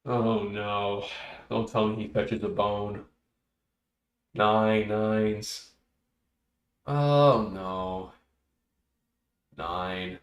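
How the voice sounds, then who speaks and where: On a lo-fi recording, a man hosting a casual livestream talks very slowly with long pauses, his voice on the low side and steady in tone. He chats and mutters to himself, letting out small exclamations while sorting cards.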